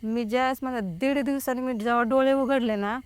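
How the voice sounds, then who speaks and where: A woman's voice: a little high, fairly even intonation, fairly quick, clean tone, dry recording. A young woman, recounting her own experience in casual speech and quoting the people involved. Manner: retells with many quoted exchanges. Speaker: guest telling her experience. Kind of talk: casual spoken account.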